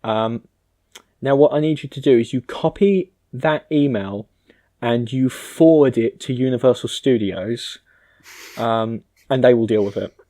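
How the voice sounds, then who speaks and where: A man's voice: mid-range voice, a little slow, mellow. A man hosting a podcast in casual comedic chat, with a sweary, bantering manner. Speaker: podcast host.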